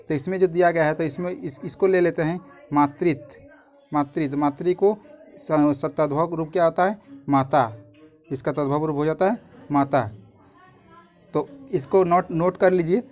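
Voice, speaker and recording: A man's voice: fairly high pitch, darkish tone. A man, a YouTube tutor walking through exam answers in a casual, repetitive way that often restarts phrases.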